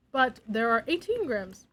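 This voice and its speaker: A woman's voice: on the high side, sharp tone, poor audio. A young woman streaming, chatting casually and giggly, sometimes dropping to a near whisper. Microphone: desk mic.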